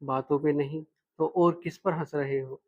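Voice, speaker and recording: A man's voice: a little high, steady tone, moderate pace, darkish tone, close to an everyday voice. A man voicing a frank, playful young woman student in a read-aloud love story, in a dull lo-fi recording. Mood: teasing. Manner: direct, playful, lightly teasing.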